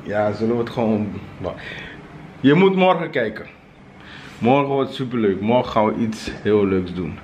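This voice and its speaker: A man's voice: on the low side, expressive, moderate pace, a little mellow, lo-fi sound, a little hiss or hum. A man, chatting casually to a handheld camera as he vlogs. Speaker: vlogger. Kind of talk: casual vlog chat to camera. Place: at home indoors, rooms with hard floors and walls. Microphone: handheld camera at arm's length.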